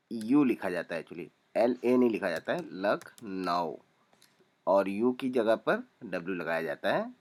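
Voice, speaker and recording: Names are spelled out one letter at a time, each repeated, by a calm young man teaching spelling. His pitch is fairly low.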